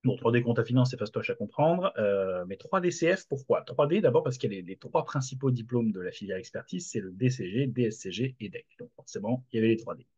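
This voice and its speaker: A man's voice: medium pitch, expressive, quick pace, hardly any pauses, dark tone, breathy edge. Hesitant man on lo-fi call audio. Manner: hesitant, many fillers and restarts. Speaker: university lecturer launching a channel. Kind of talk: casual spoken channel introduction. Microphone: video call recording. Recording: dull lo-fi video call audio.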